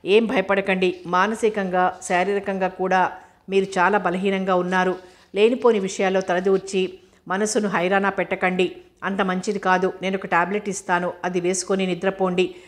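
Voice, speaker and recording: A woman's voice: mid-range voice, little pitch movement, moderate pace, close to an everyday voice. Woman reading a teasing young doctor. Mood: reassuring. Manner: light, bantering reassurance. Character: teasing young male doctor, calm and joking.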